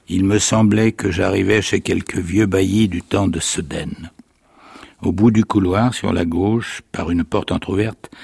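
Gravelly low-voiced male reader. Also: no echo, clean studio sound. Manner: measured, expressive storytelling. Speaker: actor reading aloud. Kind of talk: literary reading.

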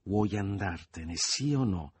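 A man reading aloud, voicing a brutal domineering man who shouts with barely held-back fury. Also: low-pitched, moderate pace, slightly rough, dry recording. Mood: angry. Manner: loud, forceful, barely restrained anger.

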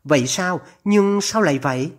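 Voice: medium pitch, moderate pace, natural voice. A narrator voicing a startled young man who speaks hesitantly and uneasily. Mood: uneasy.

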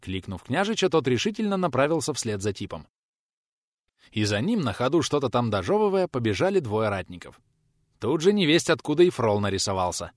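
Expressive male audiobook narrator, dry sound. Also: medium pitch, a little fast, dry recording. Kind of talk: scripted narration.

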